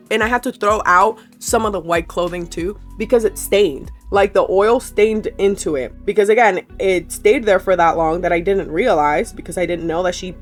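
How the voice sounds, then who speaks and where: Young woman vlogger, casual storytime chat, animated delivery with lots of swearing and laughter, faint music under it. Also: medium pitch. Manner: animated, swearing, laughing often, quotes people in voices.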